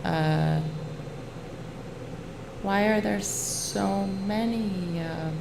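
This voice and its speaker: Lady host sounding like she's in a cave, echoey doubled audio, slow and kinda low, faint background hum. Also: creaky. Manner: flustered, apologetic, laughing it off. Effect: echoing as if in a cave, doubled audio feed. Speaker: livestream host. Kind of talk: casual live-stream chat. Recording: audio echo from doubled feed.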